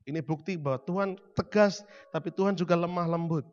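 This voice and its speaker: A man preaching a sermon, telling stories dramatically and swinging from quiet to loud. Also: on the high side, fairly quick, highs cut off. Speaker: pastor.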